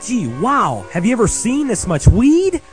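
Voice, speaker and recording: Dopey, animated space crewman, acted out. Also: medium pitch, measured pace, soft background music. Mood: dopey excitement. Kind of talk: comic audio parody of a science fiction film.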